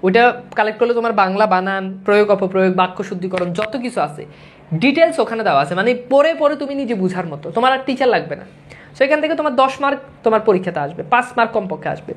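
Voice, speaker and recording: A woman's voice: mid-range voice, expressive, racing. A woman from Bangladesh teaching grammar to exam students, drilling the wrong and right forms over and over and dropping in English words. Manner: mixes English words into speech. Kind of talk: classroom-style lecture to exam students.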